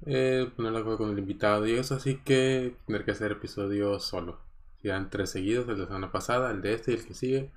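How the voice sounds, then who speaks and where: A man from Mexico with a Mexican Spanish accent, hosting a casual solo podcast, rambling and chatty with many fillers and chuckles. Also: lowish voice. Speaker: podcast host.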